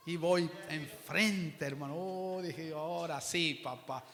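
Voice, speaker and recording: A man's voice: a little high, slow, fairly bright tone. A man preaching in a church, telling a personal testimony and acting out quoted exchanges. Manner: storytelling, acts out quoted exchanges. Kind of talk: sermon testimony. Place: church hall. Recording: reverberant church hall.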